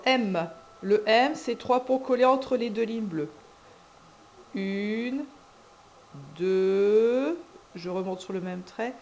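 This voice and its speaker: A woman teaching cursive letters to young children, calmly talking through each stroke as she writes. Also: medium pitch, creaky, slight background noise, low-quality recording. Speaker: kindergarten teacher. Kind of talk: handwriting lesson, step-by-step.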